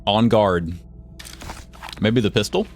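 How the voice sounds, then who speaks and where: A man with a cold, hoarse and nasal, giving chatty, excitable let's play commentary. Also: lowish voice, slow pace, faint music behind. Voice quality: chatty, excitable, laughs often. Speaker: gaming YouTuber.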